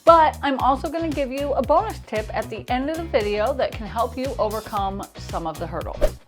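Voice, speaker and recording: A realtor with an American accent hosts her own video, delivering a scripted explainer over background music. Her fairly high voice moves quickly with lively intonation, and a noticeable lisp makes her s sounds whistle.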